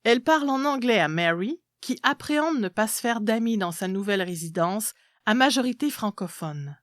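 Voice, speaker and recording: A woman's voice: on the high side, animated, normal speed, no room sound, clean studio sound. A woman reading a literary story aloud as a scripted narration.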